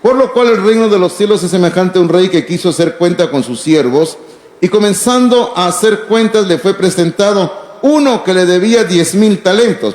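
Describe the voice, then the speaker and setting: A man preaching a sermon as pastor, emphatic, slowing down to stress key words and asking rhetorical questions. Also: sits high, darkish tone. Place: church hall. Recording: echoey hall.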